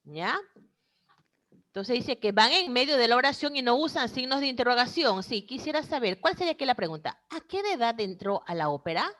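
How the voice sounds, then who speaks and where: High, lively woman teaching over a video call. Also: a little fast. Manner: explains step by step, asks rhetorical checks like "¿sí?".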